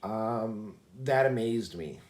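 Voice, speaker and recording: A man's voice: on the low side, expressive, takes it slowly, darkish tone, reverberant. A man hosting a casual vlog, telling a personal story in a rambling way with many fillers and restarts. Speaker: channel host.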